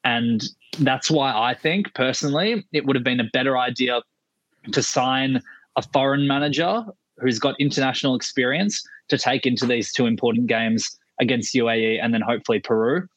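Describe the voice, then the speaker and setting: A man giving conversational football opinions as a panelist, measured and considered. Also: mid-range voice, a bit bright, no echo, poor audio. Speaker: podcast panelist.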